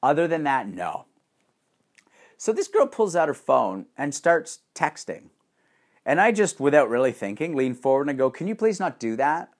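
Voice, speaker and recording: A man's voice: mid-range voice, moderate pace. Profane ranting man. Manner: profane, animated, sarcastic. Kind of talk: ranting monologue.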